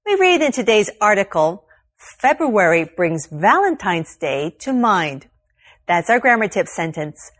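A woman presenting a scripted grammar lesson, speaking slowly and carefully like a teacher. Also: mid-range voice, sing-song. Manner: slow, careful teacher delivery.

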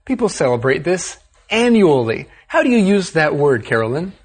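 A man hosting an English lesson, explaining words with a clear, upbeat teacher delivery. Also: on the high side, very animated, normal speed. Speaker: host. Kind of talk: explaining vocabulary to learners.

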